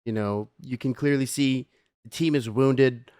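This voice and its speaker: A man's voice: medium pitch, measured pace, a little mellow, clear, resonant tone, no echo. A young man hosting a comedy podcast, laid-back and half-joking, on a close mic. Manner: laid-back, mock-earnest when thanking listeners. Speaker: podcast host. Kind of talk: casual comedy chat.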